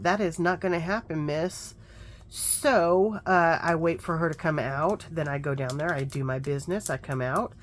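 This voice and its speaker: A woman's voice: sits low, a little hiss or hum. A woman chatting casually while working on a craft journal, telling stories and muttering to herself over her work. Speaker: craft vlogger.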